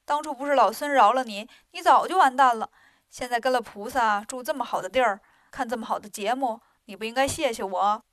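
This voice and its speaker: A woman's voice: a little high, a little fast, no room sound, clean studio sound, natural voice. A woman voicing a cocky, boastful male monkey king who talks brashly and snorts at others. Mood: cheeky.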